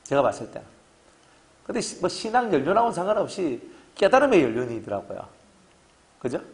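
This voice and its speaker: A middle-aged male pastor preaches in a lively, joking manner and keeps asking his listeners to agree. His voice sits somewhat high and swings widely in pitch. He sounds relaxed and conversational from the pulpit. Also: fairly quick. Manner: lively and joking, asks the congregation "그죠?" again and again. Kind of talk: sermon.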